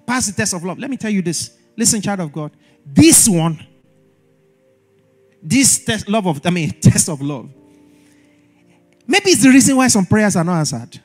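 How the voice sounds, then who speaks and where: A man preaching a sermon at a church service, animated and repeating his exhortations, acting out little dialogues. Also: high voice, moderate pace, pauses often, faint music behind. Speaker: pastor.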